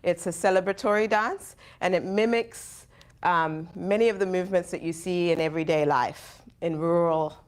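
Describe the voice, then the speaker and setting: Zimbabwean woman teaching a dance. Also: fairly low pitch. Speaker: dance instructor. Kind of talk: dance tutorial instruction.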